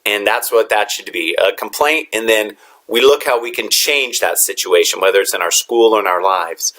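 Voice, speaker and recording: A man's voice: fairly low pitch, moderate pace. A man who is a teacher, giving a motivational talk to fellow educators in an earnest storytelling manner. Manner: earnest storytelling with lively quoted dialogue.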